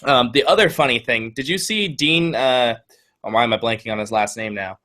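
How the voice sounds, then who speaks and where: A man's voice: mid-range voice, fairly quick, bright, forceful tone. Chatty male podcast co-host. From California. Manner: chatty, storytelling with acted-out quotes. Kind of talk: casual political chat.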